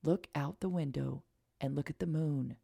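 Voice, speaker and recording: A woman voicing a calm, protective young man who speaks gently and steadily in a storybook reading. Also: deep voice, moderate pace, vocal fry, husky, full character voice. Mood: tender.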